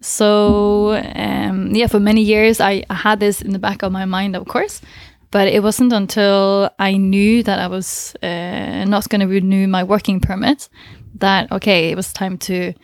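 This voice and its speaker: A woman's voice: mid-range voice, level tone, measured pace, no room sound. Woman guest chatting in an interview, lots of ums, laughs a bunch, dead dry mic. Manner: thoughtful, hesitant with many fillers, laughs often. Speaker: interview guest, long-distance cyclist. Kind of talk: conversational interview.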